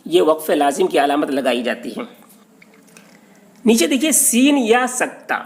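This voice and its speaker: A man giving a religious lesson on recitation marks, explaining slowly and patiently, repeating key terms and checking in with the listener. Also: high voice, creaky, a bit bright. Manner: patient and repetitive, often checks with "okay". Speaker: religious teacher.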